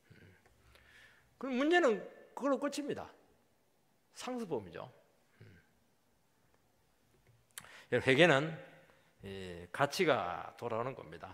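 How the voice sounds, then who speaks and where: Middle-aged male pastor, gravelly, wildly animated pitch, long church reverb. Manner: emphatic preaching, voice swinging from loud highs to quiet drops. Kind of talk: sermon. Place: church sanctuary.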